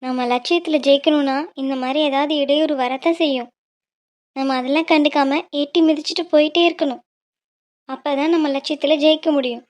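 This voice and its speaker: A woman's voice: high voice, fairly even intonation, fairly quick, a little mellow, lightly acted. A woman voicing a cheerful young female college student in a cartoon, chatty and teasing. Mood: determined. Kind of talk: cartoon dialogue.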